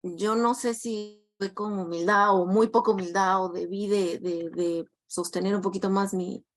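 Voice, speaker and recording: A woman's voice: medium pitch, fairly even intonation, a little slow. Hesitant woman telling an anecdote. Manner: hesitant, many restarts and tag questions. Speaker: student. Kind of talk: recounting an anecdote in class.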